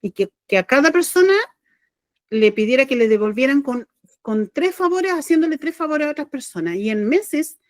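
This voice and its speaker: Chilean lady, middle-aged, kinda high voice, rambly heartfelt storytelling, dry close sound. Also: lively intonation, moderate pace, no room sound. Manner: rambling, self-correcting, heartfelt. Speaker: spiritual channeler and podcast host. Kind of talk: casual spiritual storytelling.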